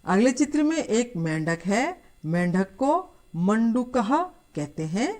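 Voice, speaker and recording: A woman teaching a lesson to schoolchildren, explaining slowly and patiently. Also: mid-range voice, big pitch swings, darkish tone. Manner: slow, patient, addressing children. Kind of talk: scripted lesson.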